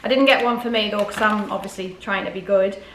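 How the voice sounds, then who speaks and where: This woman in her forties speaks at medium pitch, a little fast, with fairly even intonation and a fairly bright tone. Showing a grocery haul as a vlogger, she chats casually to camera and often asks herself questions aloud. The home dining room sounds echoey, with clear background noise.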